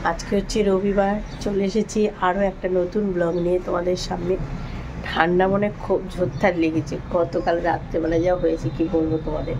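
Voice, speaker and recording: A woman's voice: lowish voice, flat delivery, moderate pace, background noise. A middle-aged woman chatting casually to her viewers in a home vlog, addressing them as family and friends. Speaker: vlogger. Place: home, indoors and on a balcony.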